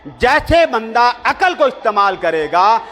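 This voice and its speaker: High-voiced preacher man. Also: very animated, bright, forceful tone. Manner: storytelling, speaks to a seated crowd. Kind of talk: sermon. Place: large hall with a seated audience. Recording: long reverb of a large hall.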